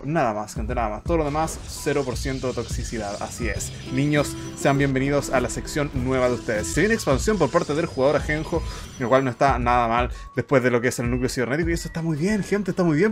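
A young man casting a strategy game replay in casual commentary, mock-solemn one moment and loudly disbelieving the next. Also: mid-range voice. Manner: excitable, mock-solemn, swings into loud disbelief. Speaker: game caster.

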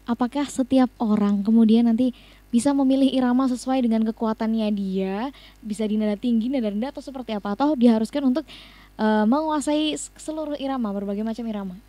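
A woman's voice: on the high side, dry recording. A woman from Indonesia hosting a radio talk show, asking questions and murmuring short affirmations. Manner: quick, encouraging interviewer with soft affirmations. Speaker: radio host.

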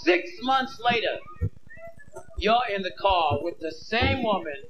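On a theater stage with a handheld mic, a brash male comedian in his thirties acts out dialogue, voicing women and himself. His voice is high and lively in intonation but slow, captured on dull, hissy lo-fi VHS tape.

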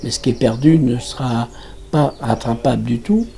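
A French campsite manager in his sixties is interviewed in a small office, speaking haltingly with frequent restarts and fillers. His mid-range voice is gravelly and warm, with slight background noise.

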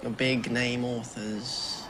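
A man's voice: mid-range voice, flat delivery, slow. A man who speaks in a blunt, self-assured way. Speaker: writer. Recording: crowd noise behind.

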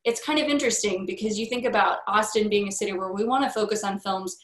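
A woman's voice: mid-range voice, quick pace. Young woman host asking questions in a roomy room. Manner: conversational, building up long questions. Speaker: museum host and interviewer. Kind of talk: livestream interview. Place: indoor room with a plain wall. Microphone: webcam on a video call. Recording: roomy video-call audio.

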